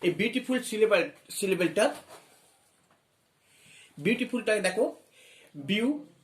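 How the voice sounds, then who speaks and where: With a high voice full of big pitch swings, a man from West Bengal teaches English grammar in a reverberant room. He breaks explanations into steps, questions his listeners, spells words out letter by letter, and reads phrases slowly.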